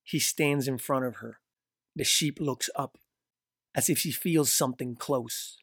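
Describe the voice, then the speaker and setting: A man reading a dark fiction story aloud in a steady, descriptive narration. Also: medium pitch, measured pace, no echo, studio quality.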